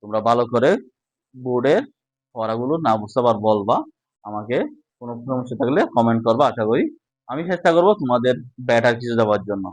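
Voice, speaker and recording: A man's voice: medium pitch, quick pace, dry recording, rough recording. A man teaching a casual whiteboard lesson, explaining step by step and often checking that students follow.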